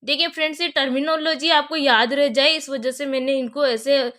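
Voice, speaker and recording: A woman's voice: sits high, steady tone, normal speed, a bit bright. Hindi-accented woman teaching, quizzing herself. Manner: asks and answers her own questions, repeats key terms. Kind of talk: exam-prep lecture.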